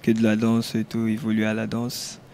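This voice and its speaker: A man's voice: lowish voice, monotone, normal speed, gravelly, mellow. A man from Kinshasa, a dancer, giving short plain answers in an interview. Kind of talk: casual interview. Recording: faint background noise.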